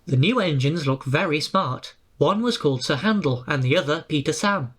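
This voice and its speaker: A man's voice: on the high side, animated, moderate pace, fairly bright tone, slightly rough. A man reading a storybook aloud and putting on voices for the engines and coaches. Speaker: storybook narrator.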